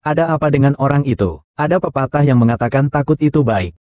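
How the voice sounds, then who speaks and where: A man voicing all the roles of a dubbed short drama in the same flat, even delivery, recorded close on a studio mic. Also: medium pitch, fast, no echo, close to an everyday voice.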